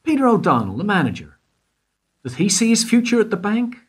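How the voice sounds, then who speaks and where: In an amateur radio play, an actor voices a persistent male detective pressing a guard with probing questions. His voice sits high and is husky, exaggerated, very animated and fairly quick as he needles the witness.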